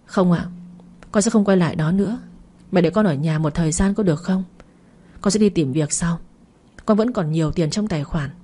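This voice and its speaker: A woman's voice: fairly low pitch, a little fast, pauses often, breathy edge. A woman voicing a weary, meek young daughter. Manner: meek, quiet.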